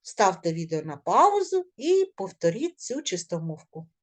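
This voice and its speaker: A woman's voice: mid-range voice, sing-song, measured pace. A middle-aged woman teaching a video lesson to young children, encouraging them and drilling syllables in a sing-song way. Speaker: primary school teacher.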